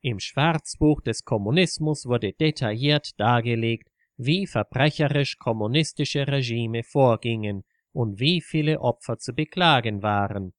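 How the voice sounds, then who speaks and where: A man's voice: medium pitch, measured pace, few pauses, no echo, natural voice. A moderate man steps into a quarrel with firm, matter-of-fact points. A man reads his lines in a storybook voice. The sound is close and dry. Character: moderate man cutting into an argument.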